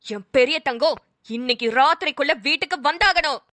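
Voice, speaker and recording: A woman's voice: high voice, a little fast, pushed and bright, no room sound, clean studio sound, pitched below the performer's own voice. A woman voicing a stern, grieving mother who barks clipped orders at her son in a cartoon. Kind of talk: dubbed cartoon voice acting.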